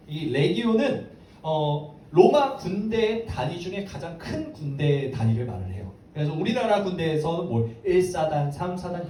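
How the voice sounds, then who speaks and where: Man, pastor, sermon to young people, asks the listeners questions, swooping voice, faint hiss behind. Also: sits high. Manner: lively, keeps asking the listeners questions. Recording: echoey room, mic far off, faint background hiss.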